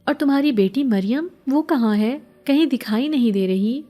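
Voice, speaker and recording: A woman's voice: fairly high pitch, expressive, warm tone, voice pushed up, natural voice. A woman voicing a concerned, scolding female relative who speaks in a reproachful way.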